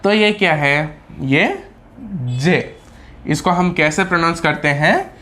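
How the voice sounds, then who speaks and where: A man's voice: a little high, slow, sharp tone. A man with a Hindi accent teaching English letter sounds step by step, asking and answering his own questions and repeating each example twice. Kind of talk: slow step-by-step phonics lesson.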